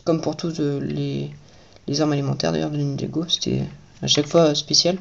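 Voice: mid-range voice, little pitch movement, fairly quick, creaky, highs cut off, slight background noise. A toy reviewer giving casual commentary while building a set at home at night, chatty and repeating the same praise.

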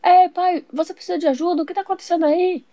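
A woman's voice: very high voice, fairly even intonation, fast, warm tone, no room sound, voice pushed up. A woman voicing an eager, earnest young girl in a toy doll soap opera.

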